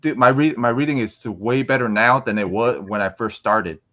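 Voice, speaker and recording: A man's voice: medium pitch, moderate pace, fairly bright tone, dull audio. A young adult man from Florida, a guest in a casual interview, talking in a rambling way full of restarts and fillers. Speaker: interviewed guest, comic collector.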